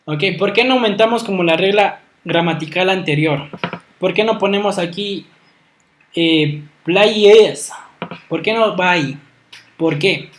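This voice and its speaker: A teacher giving a recorded online grammar lesson, a native Spanish speaker who explains each rule patiently and repetitively. Letters get spelled out one at a time, and almost every point ends with a quick "ok?" to check in. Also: mid-range voice, slight background noise.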